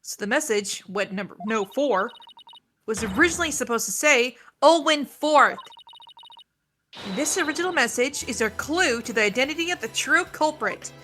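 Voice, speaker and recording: A woman chatting and reading aloud on a casual game stream, playful and quick to swear. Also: high-pitched, lively intonation, sharp tone, slight background noise.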